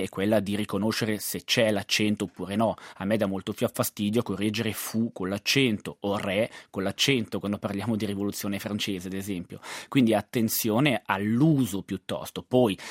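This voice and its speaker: Brisk man explaining grammar. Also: on the low side, dry recording, studio quality. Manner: didactic, lists examples, quick bursts. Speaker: language expert on a radio program.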